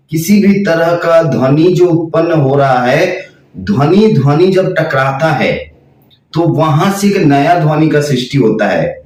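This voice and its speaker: A man teaches a spiritual lesson, stopping to demonstrate chanted sounds as he goes. He speaks very slowly and keeps repeating points, at a middle pitch. His voice sits back from the mic in a strongly echoing room. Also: darkish tone, recorded from a distance. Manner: slow, repetitive explaining, demonstrating chanted sounds. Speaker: tantra teacher.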